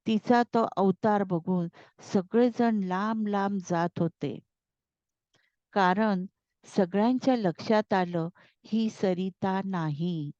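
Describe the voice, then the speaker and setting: A woman storyteller narrating a scripted story in a measured, deliberate reading, on a dull, dry recording. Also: medium pitch, mellow, no room sound.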